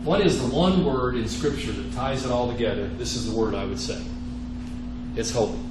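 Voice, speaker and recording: A man whose first language is Italian gives an interactive religious lecture on faith to students, his mid-range voice earnest and emphatic. He pauses to quiz them with rhetorical questions. The classroom is roomy and echoey, with clear background noise.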